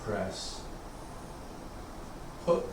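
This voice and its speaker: A man leading tai chi practice as instructor, calling serene, sparse movement cues in calm, measured short phrases. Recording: echoey room, distant mic, background noise.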